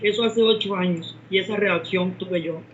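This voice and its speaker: High-voiced man giving a testimony. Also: fairly even intonation, normal speed, a bit bright, a little hiss or hum. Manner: earnest, addresses listeners as brothers. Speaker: student sharing a testimony. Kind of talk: personal testimony in a class. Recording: muffled lo-fi recording.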